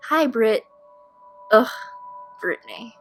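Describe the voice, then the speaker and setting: A woman voicing a teenage girl who acts as a best friend but is a sly traitor, with a drawn-out, teasing delivery. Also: a little high, wildly swooping pitch, a bit bright, faint music behind, full character voice. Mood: cool. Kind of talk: fan voice acting for an animated game movie.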